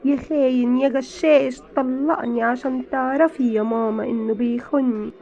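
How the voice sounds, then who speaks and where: A woman's voice: high-pitched, fairly even intonation, moderate pace, creaky, dark tone, faint music behind. A woman with an Egyptian accent playing a betrayed, unforgiving young wife who accuses her husband insistently in a skit. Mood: angry. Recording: dull lo-fi with faint noise.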